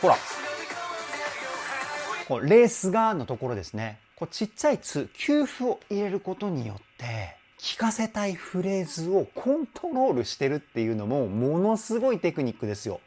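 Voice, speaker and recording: A man's voice: high-pitched, very animated, moderate pace, darkish tone, soft background music. A man working as a vocal trainer, chatting enthusiastically in a casual commentary, with hums and interjections. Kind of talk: casual music analysis commentary.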